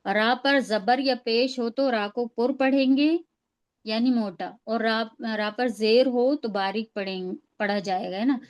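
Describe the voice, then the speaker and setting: A woman's voice: on the high side, clear, resonant tone, rough recording. A woman teaching a Quran reading lesson over a video call. She explains step by step and keeps checking that her student understands.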